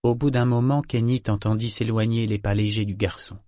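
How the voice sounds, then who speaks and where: A man reads a novel aloud at a steady, measured pace. His voice sits on the low side. The recording is dry and close, with no room sound. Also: no echo. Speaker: audiobook narrator. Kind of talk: scripted narration.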